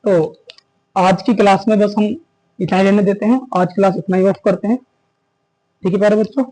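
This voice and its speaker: High-voiced man teaching grammar. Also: fairly even intonation, mellow, low-quality recording. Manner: repeats key terms as questions to students; slows down to stress terms. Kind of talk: exam-prep grammar lesson.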